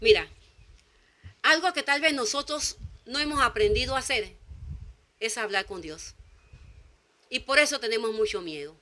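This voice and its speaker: A woman's voice: fairly high pitch, expressive, moderate pace, long pauses, sharp tone. A woman preaching a sermon, speaking emphatically with repeated phrases and acting out short quoted exchanges. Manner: emphatic repetition, acts out quoted dialogue.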